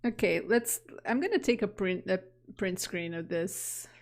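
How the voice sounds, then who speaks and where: A woman streamer reading a text game aloud on a live stream, slow and deliberate, while losing her voice. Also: medium pitch.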